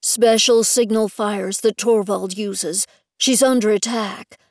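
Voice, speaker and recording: A woman's voice: medium pitch, fairly even intonation, takes it slowly, a little mellow, no echo. Woman doing a worried young guy, gasping and urgent, dry close sound.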